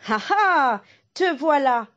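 A woman's voice: sits high, animated, slow pace, fairly bright tone, dull audio, voice pushed up, heavily acted. A woman voicing a bold, cheeky little boy who talks brashly and scolds.

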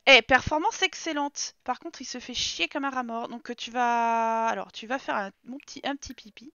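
A woman's voice: fairly high pitch, normal speed, fairly bright tone, no room sound. A woman giving casual, swear-filled commentary while playing a life-sim game live, talking to her characters. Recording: dull lo-fi stream audio.

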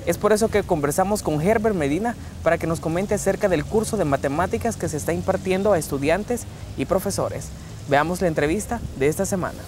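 A young man hosting a television magazine program, reading a scripted link in a clear, announcer-like delivery. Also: high voice, a little fast, background noise. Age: young adult. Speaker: program host. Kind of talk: scripted presenting. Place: outdoors in a park.

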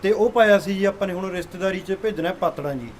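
A man's voice: high voice, fast, over a noisy crowd. A man, a customer answering questions and agreeing readily. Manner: agreeable, repeats yes many times.

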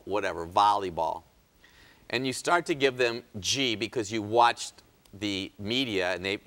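A man's voice: on the low side, a bit bright. A man hosting a health talk show as a chiropractor, speaking emphatically, pleading with viewers and dropping sarcastic asides.

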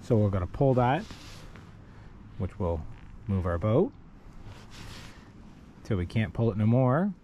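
A man's voice: fairly low pitch, big pitch swings, takes it slowly, long pauses, highs cut off, a little hiss or hum. A man teaching kayak rescue rigging step by step, talking plainly while he works the ropes on a rocky riverbank, recorded by a camera he wears. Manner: plain, methodical, talks while rigging by hand. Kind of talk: step-by-step instructional demo. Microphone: wearable camera on body.

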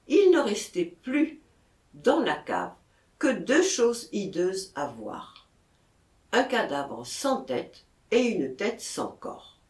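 A woman narrating an audiobook with expressive, theatrical storytelling. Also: medium pitch. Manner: expressive storytelling, lively intonation. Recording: echoey room.

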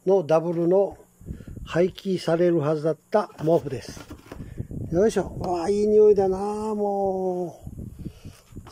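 A man's voice: fairly high pitch, warm tone, husky. An older man with a Kumamoto accent, chatting casually in a how-to video and using many fillers. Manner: slow, chatty, with many fillers and pleased exclamations. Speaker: home cook vlogger.

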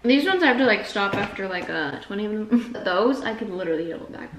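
A young adult woman vlogger with a light lilt and mid-range voice talks fast in a casual food vlog, rambling cheerfully about her groceries with lots of "like" fillers and self-mocking asides. A camera set back on the counter of her home kitchen makes her sound distant and roomy, with a steady hiss underneath.

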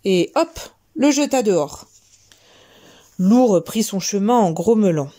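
A woman reading a children's story aloud, gentle and expressive. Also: mid-range voice, a little slow.

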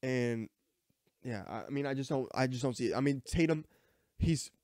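A man's voice: medium pitch, moderate pace, a little mellow, no echo, studio quality. A man co-hosting a podcast, talking sports in a rambling way, often restarting and repeating words. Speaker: podcast co-host. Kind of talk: casual sports chat.

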